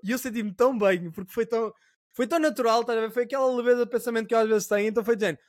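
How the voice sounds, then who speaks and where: A young Portuguese man co-hosting a relaxed podcast, spinning lively, slangy anecdotes with casual swearing. His voice sits high and the words tumble out fast. The sound is dry and close. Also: no echo. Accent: European Portuguese. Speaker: podcast co-host.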